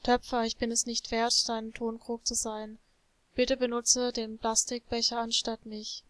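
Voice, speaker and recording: A woman's voice: a little high, fairly even intonation, unhurried, smooth, no echo, lightly acted. A woman voicing a naive, eager little clay jug that pleads with its master in a storybook. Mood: tearful. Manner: pleading, tearful when broken.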